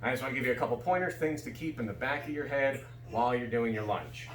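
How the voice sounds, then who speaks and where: A man's voice: mid-range voice, expressive, fast talker, fairly bright tone. A man giving casual, explanatory fencing instruction, often checking that his students follow. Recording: echoey room with background noise.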